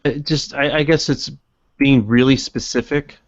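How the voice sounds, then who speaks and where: A man's voice: mid-range voice, fairly even intonation, moderate pace, dry recording. A man gives earnest advice as a guest on a live web show. He starts and restarts, with many fillers. The audio is dry and dull, as on a lo-fi video call. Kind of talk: casual advice chat.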